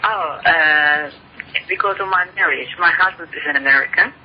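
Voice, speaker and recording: The guest is an author and ufologist from Turkey, a native Turkish speaker with a Turkish accent, describing her work earnestly in an interview over the phone. Her voice sits low and her pace is moderate, and the line sounds muffled with a faint hiss.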